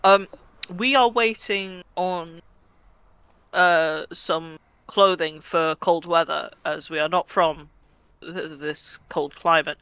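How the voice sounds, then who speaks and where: A woman playing a tabletop role-playing game, speaking casually in a measured, playful way. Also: lowish voice, fairly even intonation, a bit bright, clear, resonant tone, no echo. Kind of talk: casual in-character play and table chat.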